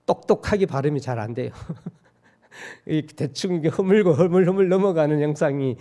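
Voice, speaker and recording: A male pastor from Korea's Gyeongsang region preaches in a church. His voice sits a little high for a man. He talks in a folksy, joking way and keeps asking the congregation questions. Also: normal speed, dark tone. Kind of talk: sermon. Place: church sanctuary.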